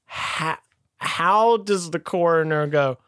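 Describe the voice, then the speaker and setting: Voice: medium pitch, slow pace, fairly bright tone, no echo, studio quality. A podcast co-host in casual chat, laughing a lot and questioning things incredulously.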